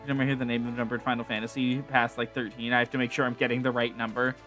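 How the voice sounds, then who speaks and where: A man's voice: medium pitch, flat delivery, very fast, fairly bright tone, soft background music. A man streaming a game, giving casual, wry commentary with self-correcting asides.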